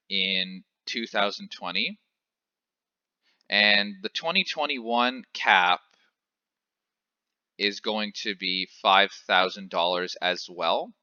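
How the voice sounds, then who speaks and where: Explaining money basics in a relaxed tutorial, a young Canadian man in his 20s who teaches finance keeps saying "uh" and correcting himself. His low-pitched voice comes across very bright, forward, clear, and resonant. The dry recording has no echo but a slightly dull, lo-fi quality.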